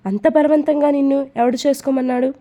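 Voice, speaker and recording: A hurt young wife in a read-aloud romance story, pleading and tearful, as a woman voices her. Her voice sits fairly high, mellow and soft. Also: steady tone, fairly quick, natural voice.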